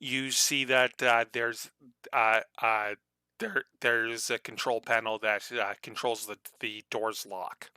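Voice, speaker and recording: Halting, bright-voiced male game master. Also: mid-range voice, fairly even intonation, clear, resonant tone, dry recording. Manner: halting, full of fillers and restarts. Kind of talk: narrating a tabletop role-playing game.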